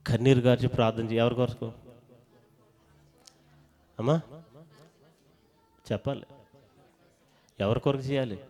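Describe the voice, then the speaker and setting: A man preaching a sermon in a church hall. He quizzes his listeners and coaxes answers out of them. He swings between loud calls of praise and soft talk. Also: medium pitch, steady tone, a little slow, pauses often. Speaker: lay preacher. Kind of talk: sermon to a congregation.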